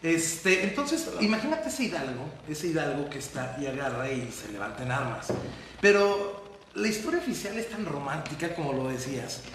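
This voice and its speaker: A Mexican man with a high, bright voice leads a loose podcast chat, spinning history stories in slangy, irreverent fashion. His voice rings off the walls of a very echoey room. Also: normal speed, slight background noise. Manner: animated storytelling, slangy and irreverent. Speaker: podcast host and storyteller. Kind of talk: casual group chat.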